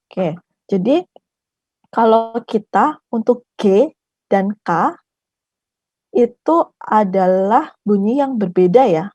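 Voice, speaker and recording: A woman teaching an online language class, patiently repeating each syllable slowly for her learners. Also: mid-range voice, animated, mellow, breathy edge, dry recording, muffled recording.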